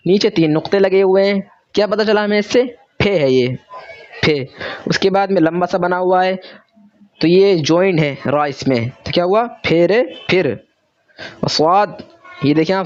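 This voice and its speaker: A man with a fairly high voice teaches a reading lesson at a patient pace. He slows right down to sound out each syllable and asks questions that he then answers himself. The recording is dull and lo-fi. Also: a little mellow. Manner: sounds out letters slowly, syllable by syllable. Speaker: Urdu teacher.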